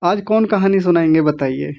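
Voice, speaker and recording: A man teaching Sanskrit pronunciation in an online class, correcting syllable by syllable and clearing his throat often. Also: sits high, dull audio. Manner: slow, deliberate syllable-by-syllable correction.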